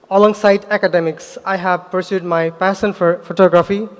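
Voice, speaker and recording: A young man from Nepal with a Nepali accent, giving an earnest graduation speech with pauses and self-corrections. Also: a little high. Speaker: graduate speaker. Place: large ceremony hall. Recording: hall reverb.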